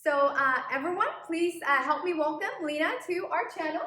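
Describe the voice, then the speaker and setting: Chatty woman host, slightly high voice. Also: fairly quick, pushed and bright, soft background music. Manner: friendly, chatty, many fillers. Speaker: channel host. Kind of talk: casual video interview. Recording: echoey room.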